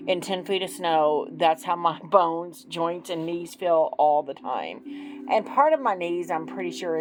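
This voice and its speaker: A woman's voice: on the low side, low-quality recording. A woman in her forties doing a casual tarot reading, chatty and self-deprecating with frequent ums. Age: 40s. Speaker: tarot reader. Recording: music playing behind.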